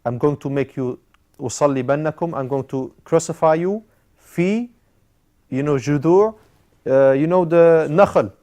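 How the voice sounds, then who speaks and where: A man with a slightly higher voice, teaching an Arabic grammar class. He explains step by step, repeats key words and pauses often on "uh". Arabic terms run through his talk. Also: a little mellow. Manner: halting, with frequent "uh" fillers, mixing in Arabic terms.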